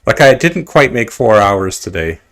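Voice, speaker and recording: Brief: male streamer, lowish gravelly voice, rambling self-mocking gameplay chat. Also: sing-song, moderate pace, a bit bright. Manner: rambling, self-mocking, mutters asides to himself. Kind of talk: casual gameplay commentary. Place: at home at his computer.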